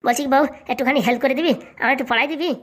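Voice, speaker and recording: A woman's voice: high-pitched, rapid-fire, a bit bright. A woman voicing a meek, dim-witted laborer husband in a comedy cartoon, speaking in a pleading, simple-minded way.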